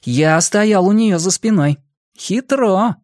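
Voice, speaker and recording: A man voicing a shy, thoughtful teenage boy in an audiobook, speaking slowly and measuredly. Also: high voice, lively intonation, darkish tone, no room sound, studio quality, pitched above the performer's own voice. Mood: wry. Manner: slow, measured.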